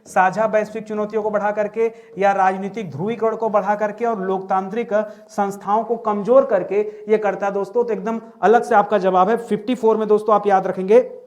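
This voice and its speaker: A man's voice: sits high, little pitch movement, brisk, a little mellow. A man teaching as an exam tutor, going through answers and repeating each question back to his listeners. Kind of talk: exam answer-key walkthrough.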